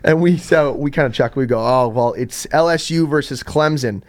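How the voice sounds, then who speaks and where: Animated young man telling a story. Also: moderate pace. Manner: animated storyteller, jumps to high pitch in quotes. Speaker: podcast host. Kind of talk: casual podcast chat.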